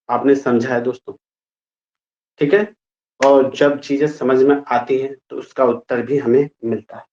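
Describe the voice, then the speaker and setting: A man teaching a grammar lesson to a class in a lively, playful way, often asking the students questions. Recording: muffled low-fidelity sound.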